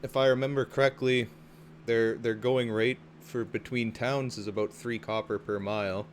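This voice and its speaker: A man voicing a gruff, concerned town councilman in a tabletop role-playing game. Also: mid-range voice, steady tone, normal speed, natural voice. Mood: earnest, concerned. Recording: clear background noise.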